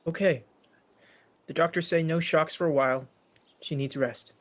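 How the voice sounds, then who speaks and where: Man playing Spider-Man, high-voiced and anguished. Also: fairly even intonation, normal speed, close to an everyday voice. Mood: subdued. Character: anguished young male masked superhero. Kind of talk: radio play acting.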